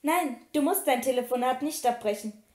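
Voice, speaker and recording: A woman voicing a stern, anxious father who speaks loudly and firmly. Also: high voice, normal speed, lightly acted. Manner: stern, growling, loud. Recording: roomy echo.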